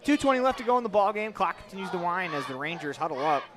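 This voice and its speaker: A man with a Midwestern accent calling live football play-by-play, with quick excited calls that rise on big plays. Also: high-pitched. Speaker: play-by-play announcer. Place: outdoor high school football stadium. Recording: crowd and noise behind, outdoor stadium.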